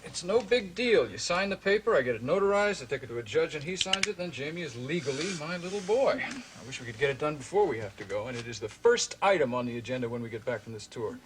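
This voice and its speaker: An actor playing a wry, fussing husband and political candidate in a television soap opera. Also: male voice, on the high side, big pitch swings, quick pace, hardly any pauses. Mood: brisk, wry. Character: solicitous husband and political candidate, wryly joking. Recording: noisy 1970s television soundtrack.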